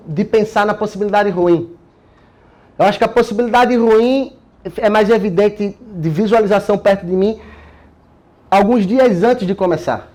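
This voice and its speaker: A Brazilian man talking casually and energetically about how he prepares himself, with frequent tag questions and slang. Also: high-pitched. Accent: Brazilian Portuguese. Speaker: course participant sharing his method. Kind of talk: casual explanatory talk.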